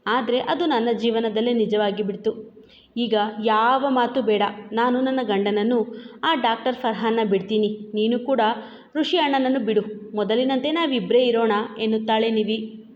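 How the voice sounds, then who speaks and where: A woman's voice: fairly high pitch, normal speed. A woman reading aloud a romance story she wrote herself, giving the characters' lines in much her own voice. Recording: dull echoey room recording with faint hiss.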